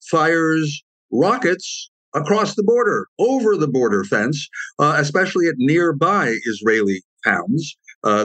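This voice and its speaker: A man giving long, measured answers as an expert guest, adding frequent asides as he explains. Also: a little high, fairly bright tone, dry recording, poor audio.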